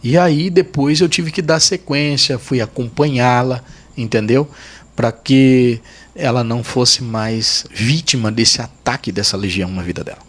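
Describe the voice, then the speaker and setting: A pastor recounting a testimony on a podcast, his voice sitting at an ordinary middle pitch for a man. He tells the story emphatically and vividly. He often repeats phrases to drive a point home. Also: a little slow. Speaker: pastor and guest.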